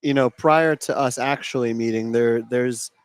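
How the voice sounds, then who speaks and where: A man's voice: medium pitch, steady tone, moderate pace, clear, resonant tone, no room sound. A man who runs a restaurant group talks in a rambling way, restarting his sentences often in a casual interview.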